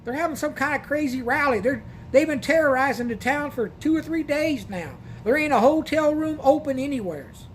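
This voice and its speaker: A man's voice: extremely high pitch, expressive, normal speed, hardly any pauses, a little hiss or hum, voice pushed up. A man voicing a blunt small-town woman motel clerk who speaks in a drawling rural dialect. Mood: blunt, matter-of-fact.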